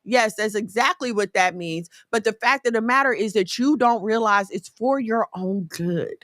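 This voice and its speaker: Woman, forties, chatty faith talk with folksy asides; bright tone, dry close sound. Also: a little high, moderate pace, no echo. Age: 40s. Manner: conversational, folksy, animated storytelling with asides.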